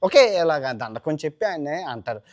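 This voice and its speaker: A man with a somewhat high voice tells a classic epic in an easygoing, conversational way. He drops in English words and jumps into each character's lines with broad swings up and down. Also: very animated, moderate pace, darkish tone, dull audio. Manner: chatty, colloquial, mixes English words. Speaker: storyteller. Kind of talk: casual storytelling with acted quotes.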